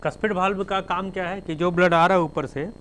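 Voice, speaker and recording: A man's voice: high voice, steady tone, a little fast, fairly bright tone, a little hiss or hum, low-quality recording. A male teacher giving a classroom lecture, spelling terms out letter by letter and explaining with everyday examples.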